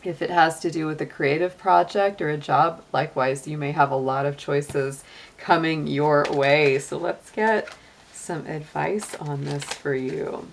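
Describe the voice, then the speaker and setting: A woman's voice: low voice, measured pace, gravelly, slight background noise. A middle-aged woman giving a casual tarot reading, chatty, with frequent laughs and many "you know" and "like" fillers. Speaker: tarot reader.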